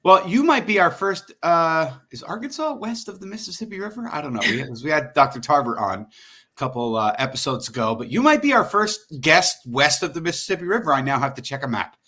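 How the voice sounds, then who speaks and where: A man's voice: on the high side, sing-song, brisk, pushed and bright. A middle-aged man hosting a podcast, chatting in a jokey, rambling way. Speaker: podcast host. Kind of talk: casual podcast chat.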